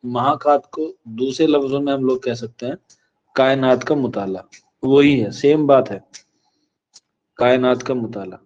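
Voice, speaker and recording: A man from India teaching an exam prep lecture, repeating key phrases slowly so students can write them down. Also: mid-range voice, darkish tone, highs cut off.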